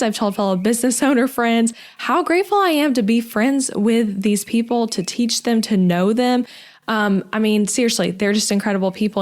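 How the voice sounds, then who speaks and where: A young woman hosting a podcast, gushing and chatty, with many fillers like "um" and "like". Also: fairly high pitch. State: pregnant. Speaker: podcast host. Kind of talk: casual interview and podcast intro.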